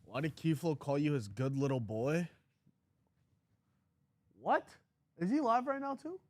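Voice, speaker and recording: A man's voice: fairly high pitch, big pitch swings, measured pace, no echo, clean studio sound. A man in his twenties hosting a trading livestream, talking casually and bluntly, teasing his chat and reading comments aloud. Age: 20s.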